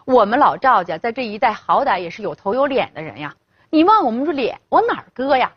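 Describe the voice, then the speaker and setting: A woman's voice: a little high, sing-song, a little fast, slightly rough, no room sound. A woman voicing a haughty village mother who sneers and scolds. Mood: sneering. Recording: dull lo-fi, dry.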